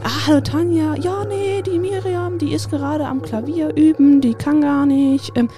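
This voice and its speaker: A woman imitating a chirpy middle-aged mother on the phone, in a high sing-song voice. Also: steady tone, moderate pace, music in the background, lightly acted.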